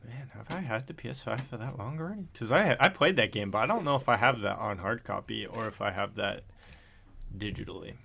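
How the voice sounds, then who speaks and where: Fairly low-pitched but animated and gravelly, this man's voice comes across pushed and bright at a fairly quick clip, with slight background noise. He's in his thirties, co-hosting a podcast at home in casual chat, rambling, correcting himself, and swearing once in a while.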